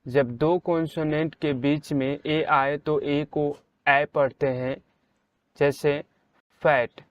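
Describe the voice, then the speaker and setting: A male teacher talks through pronunciation rules at a very slow, careful pace, with a slightly high voice. He gives each example word loud, clear stress. The sound is smooth and dry, close to the mic. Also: no room sound, muffled recording. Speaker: English reading teacher. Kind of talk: slow spelled-out pronunciation lesson.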